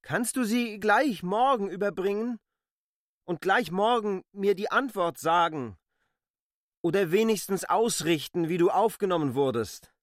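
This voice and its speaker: An insistent land surveyor. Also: male voice, sits high, animated, a little slow, no room sound, studio quality. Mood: pleading. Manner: insistent, exasperated, reproachful. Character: K., stubborn demanding adult land surveyor. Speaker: lead character in a radio play. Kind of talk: radio drama acting.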